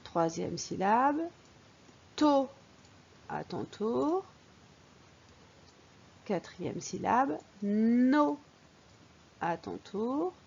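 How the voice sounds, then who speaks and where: Woman, primary teacher, very slow, patient, husky edge, dull recording. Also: mid-range voice, big pitch swings. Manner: patient, sounding out syllables clearly. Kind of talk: slow reading lesson for young children.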